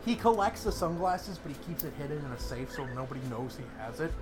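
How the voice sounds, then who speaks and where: Lively, giggly man. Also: fairly high pitch, fast, music in the background. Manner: giggly, playful. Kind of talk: casual movie review chat.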